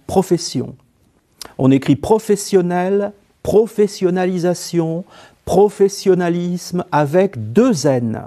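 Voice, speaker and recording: Slow, measured man teaching spelling. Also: a little high, dark tone. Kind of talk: scripted spelling lesson narration.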